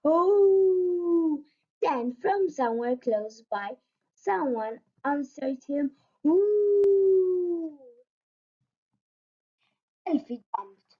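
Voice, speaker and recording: Woman storyteller, slow and expressive bedtime read-aloud, muffled lo-fi recording. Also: high-pitched.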